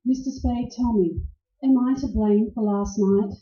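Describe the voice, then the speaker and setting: A woman's voice: a little high, fairly even intonation, unhurried, mellow, close to an everyday voice. A woman playing a pleading femme fatale. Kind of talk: 1940s radio acting. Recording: roomy, dull lo-fi recording.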